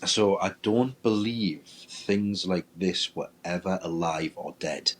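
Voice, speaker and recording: A man, a paranormal investigator, telling a ghost-hunting story in a lively way and acting out his own reactions. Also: deep voice, slow pace, a little hiss or hum. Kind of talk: storytelling in casual chat.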